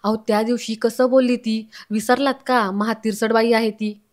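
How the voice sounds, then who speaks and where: A man's voice: high voice, level tone, moderate pace, lightly acted. A woman voicing a judgmental, self-righteous neighbour man from the society.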